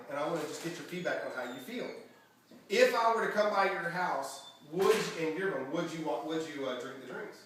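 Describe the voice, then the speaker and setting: A man giving an energetic motivational seminar talk as a network marketing trainer, quizzing the audience with questions. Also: a little high. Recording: echoey room from far off, faint background noise.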